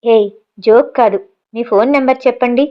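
A woman's voice: on the high side, moderate pace, lo-fi sound, close to an everyday voice. A woman voicing a spirited, sulky young woman on the phone in her own voice.

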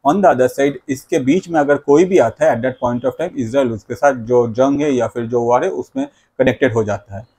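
Speaking at a normal speed with hardly any pauses, this man has a mid-range voice that is a little mellow and husky. A host and video creator, he explains news to camera in a small, plain room on a lapel mic, repeating catchphrases and slipping into English phrases.

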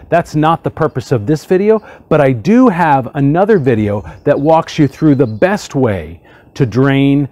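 This hot tub how-to host, a man in his forties, gives a relaxed demo outdoors in a backyard by the tub, keeping up upbeat chatter while he handles tasks. He has a medium-pitched voice with a darkish tone.

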